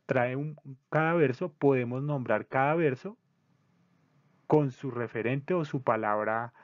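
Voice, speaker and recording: A man giving a didactic talk on poetry, reading out definitions and examples in a measured way and breaking some words into syllables. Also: medium pitch, darkish tone, dry recording, muffled recording. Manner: measured and didactic, spelling out syllables, with occasional slips and restarts. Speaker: presenter of a literary discussion circle.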